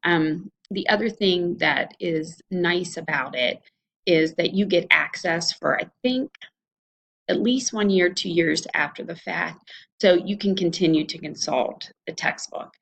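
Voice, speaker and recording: Here a woman with an Ohio Valley American accent speaks a little slowly, her fairly low voice marked by vocal fry and a slightly bright tone. She's a college instructor casually explaining her online course to students in a screencast walkthrough.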